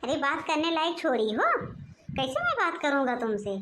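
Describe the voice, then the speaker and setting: A woman's voice: high voice, huge pitch swings, normal speed, a bit bright, slight background noise, heavily acted. A woman voicing a short-tempered, suspicious young husband and son-in-law in a cartoon, talking in a curt, scolding way. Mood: angry.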